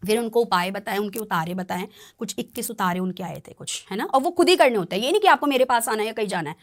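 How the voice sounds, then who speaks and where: A woman's voice: mid-range voice, animated, fast. A woman tarot reader talking on a podcast, explaining in an earnest, warning tone. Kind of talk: podcast conversation.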